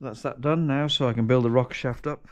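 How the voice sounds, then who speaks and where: A home mechanic vlogger casually narrates an engine rebuild while working in a large, cluttered indoor garage, thinking aloud, restarting and correcting himself. His mid-range voice is steady and a little fast. The chest-mounted action camera yields a muffled recording.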